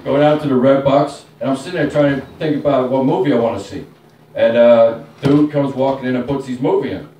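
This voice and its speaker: A man's voice: medium pitch, fairly quick, mellow, a little hiss or hum. A male stand-up comedian telling a crude, profane story to a small bar crowd. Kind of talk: stand-up set. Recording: roomy live room from a distance.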